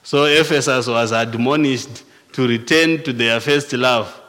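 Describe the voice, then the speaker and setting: A man with a Zimbabwean accent preaching a sermon, slow and deliberate, often restarting and repeating words as he goes. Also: medium pitch, fairly bright tone, long reverb tail. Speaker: pastor.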